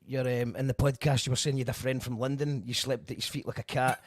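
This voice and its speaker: A man's voice: mid-range voice, fairly even intonation, quick pace, no echo, studio quality. A man hosting a casual podcast interview, chatty, laughing easily and asking rambling questions. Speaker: podcast host.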